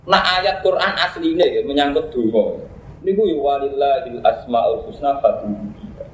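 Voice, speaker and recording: A man with a Javanese accent giving an informal religious lecture, joking with listeners and slowing down to recite Arabic verses. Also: medium pitch, animated, reverberant, a little hiss or hum, low-quality recording. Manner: jokey, mixing Javanese chatter with slow Arabic recitation. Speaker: Islamic cleric teaching a classical text.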